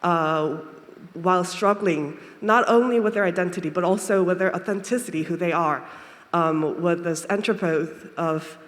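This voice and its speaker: A woman from Japan asks a long, winding question from the audience microphone in a lecture hall, hesitant and full of fillers. Her voice is fairly low and her pace moderate, with reverberant hall sound around her.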